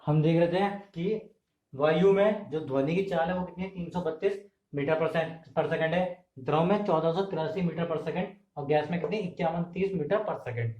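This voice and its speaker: A man with a fairly high voice teaches an exam-prep class, posing questions and answering them himself. He repeats key terms to drill them in. The sound bounces around the room he is filmed in. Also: normal speed, dark tone. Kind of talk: classroom lecture. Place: indoor room filmed on camera. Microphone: camera mic. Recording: echoey room.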